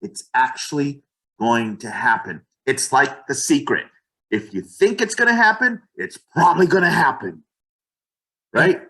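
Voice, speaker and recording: A man's voice: medium pitch, animated, measured pace, sharp tone. A man who works as a real estate agent, talking passionately and emphatically in a casual podcast chat and often repeating how he starts a sentence.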